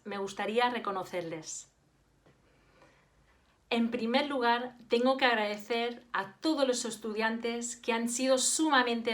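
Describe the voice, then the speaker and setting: A woman from Spain with a Spanish accent, a teacher giving a formal address and thanking her staff. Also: on the high side. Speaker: Spanish and French teacher, program director.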